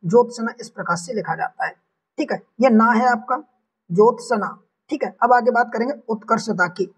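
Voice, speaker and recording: A man's voice: high-pitched, breathy edge, far from the mic, poor audio. A man teaching an online exam-prep language lesson, walking through each answer option step by step and repeating the correct ones. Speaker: Hindi exam tutor.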